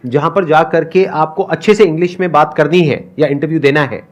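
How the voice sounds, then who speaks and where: A man's voice: a little high, a little fast, lo-fi sound. A man hosting a talk show, chatting and joking about himself in front of an audience. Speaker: show host.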